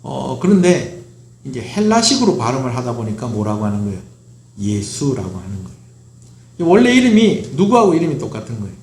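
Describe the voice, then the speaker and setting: This middle-aged pastor preaches with a medium-pitched, sing-song delivery that's brisk and slightly mellow. Speaking in a church sanctuary that gives off a roomy echo, he asks his congregation questions only to answer them himself.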